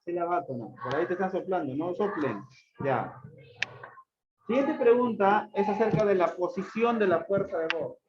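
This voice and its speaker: A strict teacher quizzes pupils in a classroom. The recording is roomy and dull, with clear noise behind the voice. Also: mid-range voice, animated, normal speed. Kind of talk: classroom lesson.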